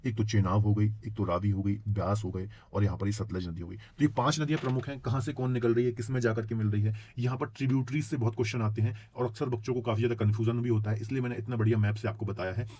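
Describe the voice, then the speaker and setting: A man teaching geography for exam prep, who keeps asking his students rhetorical check-in questions and clears his throat now and then. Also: on the low side, fairly even intonation, fast talker, hardly any pauses, warm tone. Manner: addresses students as children.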